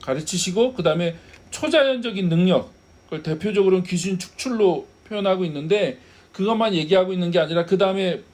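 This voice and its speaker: A man's voice: high-pitched, a little mellow. A male pastor preaching a Sunday sermon, asking the congregation rhetorical questions and laughing now and then.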